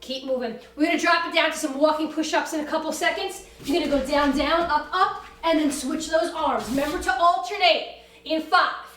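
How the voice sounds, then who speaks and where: A woman fitness instructor leading a class with brisk, commanding, motivational cues and countdowns. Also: high voice, a bit bright. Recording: roomy echo, distant from the mic.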